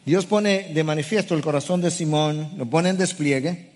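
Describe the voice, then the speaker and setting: Middle-aged man, pastor, forceful sermon delivery, slightly high voice, long hall echo. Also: normal speed. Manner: emphatic preaching, reads and restates scripture verses.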